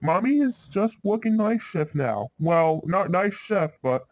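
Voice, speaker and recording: A man's voice: high voice, animated, unhurried, darkish tone, no room sound, pitched above the performer's own voice, low-quality recording. A man voicing a reassuring working mother who comforts her son over the phone. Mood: soothing. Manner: soothing, comforting.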